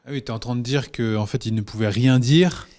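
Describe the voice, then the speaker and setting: A man's voice: medium pitch, fairly even intonation, moderate pace, darkish tone. A man hosting a casual interview podcast, asking curious, hesitant follow-up questions. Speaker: host.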